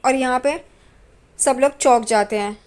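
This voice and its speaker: A woman's voice: high voice, unhurried, darkish tone. A woman giving a chatty, casual retelling of a TV serial episode and reading the characters' lines in quotes. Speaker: TV serial recap narrator. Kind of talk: casual storytelling recap.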